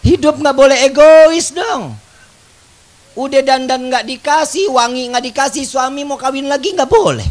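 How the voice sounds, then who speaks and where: High-voiced joking male preacher. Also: normal speed. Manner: joking, loud call-and-response with the crowd. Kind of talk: humorous religious sermon. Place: outdoor religious gathering.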